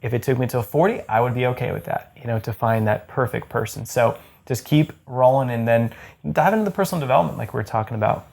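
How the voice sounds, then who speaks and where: A man's voice: mid-range voice, quick pace, vocal fry, darkish tone. A man in his thirties hosting a casual chat to camera, enthusiastic and rambling with lots of restarts. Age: 30s. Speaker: host.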